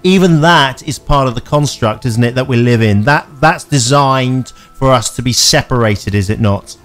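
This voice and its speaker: English male radio host, chatty, stumbles and restarts, mid-pitched, music faint behind. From England. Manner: chatty, halting with many restarts. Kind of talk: radio interview. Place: radio station.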